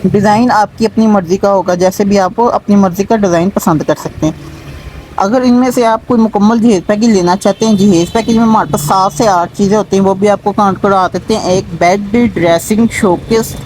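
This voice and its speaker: Guy doing a youtube showroom sales pitch, keeps repeating and pushing the bargains, noisy ambient background. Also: steady tone, brisk, darkish tone. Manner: repetitive sales-pitch delivery, stressing low prices. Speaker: YouTube channel host.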